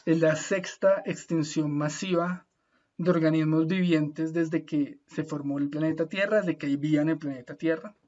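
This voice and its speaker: A young man giving an informal online lecture. He is friendly and patient, often checks in with his listeners, and slows down to spell out Latin names. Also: fairly high pitch, steady tone, darkish tone. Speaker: speaker at an online talk. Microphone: video call audio. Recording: muffled video call audio.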